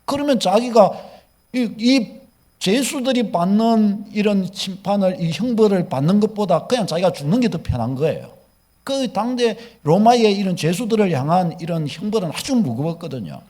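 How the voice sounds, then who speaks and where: A man's voice: high voice, lively intonation, normal speed, a little mellow. A male pastor, preaching a sermon and telling the story with questions to the congregation.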